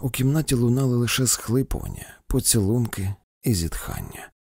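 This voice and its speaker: A man narrating an audiobook in an expressive storytelling manner, recorded on a close mic. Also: mid-range voice, normal speed, gravelly, husky, no room sound. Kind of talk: audiobook reading.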